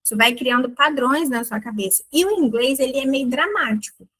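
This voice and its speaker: A woman teaching an online English lesson, explaining grammar in a lively, playful way and exaggerating her intonation on examples. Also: high voice, fairly quick, rough recording. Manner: chatty and playful with students.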